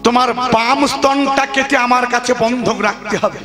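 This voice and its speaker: A man voicing a god disguised as a stern village shopkeeper, gruff and businesslike. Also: very high voice, steady tone, normal speed, over loud music. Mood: demanding.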